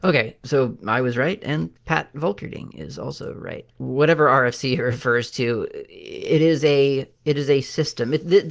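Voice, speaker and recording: A man explaining software packages off the cuff, thinking aloud with frequent restarts and fillers. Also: medium pitch, creaky. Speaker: tech podcaster. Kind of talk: unscripted technical explainer.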